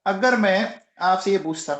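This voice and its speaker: High-voiced man teaching chemistry, echoey. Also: moderate pace. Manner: coaxing, repeatedly quizzing students; raises voice, says he is shouting nonstop. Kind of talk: live online class lecture.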